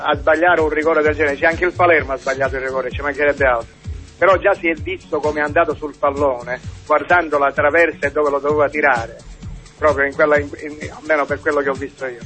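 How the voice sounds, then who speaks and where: A man from Sicily calling into a radio show over a phone line, talking in a rambling, halting way with many restarts. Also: on the high side, steady tone, a bit bright, faint music behind. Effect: heard over a phone line. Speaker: radio call-in caller. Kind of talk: casual call-in chat.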